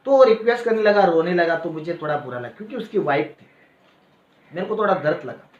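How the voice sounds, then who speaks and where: A man, preaching a sermon and telling a personal story in an animated way, often adding "है ना" and "Praise the Lord". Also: sits high, fast. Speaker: pastor. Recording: echoey, dull lo-fi hall recording.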